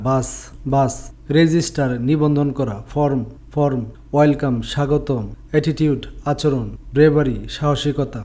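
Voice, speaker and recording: Guy reading out vocab words one by one, warm dark voice, steady recital. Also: on the high side. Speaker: vocabulary teacher. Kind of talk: reading a word list with translations.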